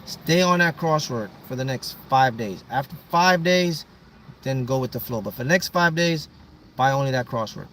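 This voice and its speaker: A man hosting a livestream, giving casual psychic readings to viewers, talking in halting bursts and dropping low and slow at the ends of lines. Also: animated, a bit bright. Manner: halting, restarts often, drops low and slow on closing words. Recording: voice a little far from the mic, faint background hum.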